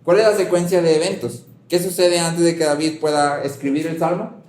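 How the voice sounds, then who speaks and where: A man's voice: a little high, steady tone, brisk, darkish tone. A man preaching a sermon as a pastor, conversational and full of rhetorical questions and check-ins with the congregation. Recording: roomy hall with faint ambience.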